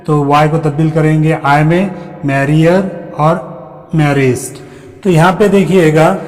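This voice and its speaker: A man's voice: fairly high pitch, a little mellow, in a large hall, poor audio. A man teaching a grammar lesson, patiently asking and answering his own questions and spelling out word forms one by one.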